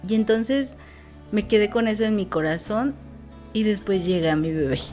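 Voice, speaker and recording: A woman's voice: medium pitch, moderate pace, darkish tone, faint music behind. A woman, a guest sharing a personal testimony in an earnest, reflective way, with many fillers.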